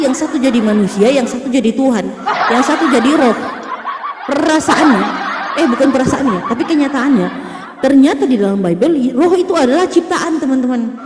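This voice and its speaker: A woman talking casually to viewers on a religious livestream, mocking and laughing often, speaking into a phone. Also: on the high side. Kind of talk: casual livestream debate talk. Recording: echoey room with long reverb and noise.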